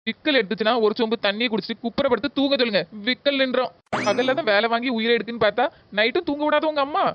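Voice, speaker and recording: A high, fast voice of a woman playing a cartoon daughter-in-law. She grumbles sarcastically in a southern Tamil Nadu accent, on dull lo-fi audio. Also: no room sound, lightly acted. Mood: grumpy. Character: grumpy, sarcastic young daughter-in-law woken from sleep. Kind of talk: comedy skit voice acting.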